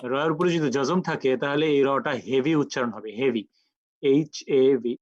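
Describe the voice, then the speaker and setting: A man teaching Quran recitation rules in an online lecture, explaining patiently step by step and repeating sounds slowly for practice. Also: medium pitch, dry recording, lo-fi sound.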